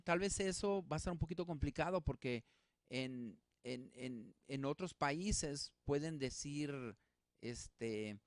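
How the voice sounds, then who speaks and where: A man teaching a Bible study in a relaxed spoken way, working through examples with many fillers and restarts. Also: fairly high pitch, dry recording, studio quality.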